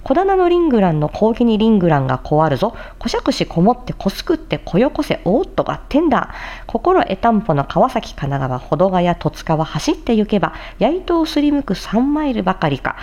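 Very animated and a little mellow, her mid-range voice moves a little fast with few pauses. As host of a tongue-twister challenge, she performs like a voice actor, swinging from crisp theatrical delivery to polite, conversational asides for viewers.

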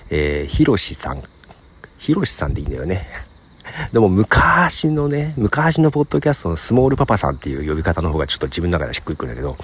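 Tired, hushed man with a deep voice. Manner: hushed, half-whispered rambling. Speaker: podcaster. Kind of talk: casual solo monologue. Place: empty rural train platform, at night.

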